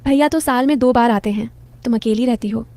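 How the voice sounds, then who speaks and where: A woman voicing a shy, nervous young man who speaks in hesitant, hushed, stammering bits. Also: a little high, brisk, dry recording, close to an everyday voice.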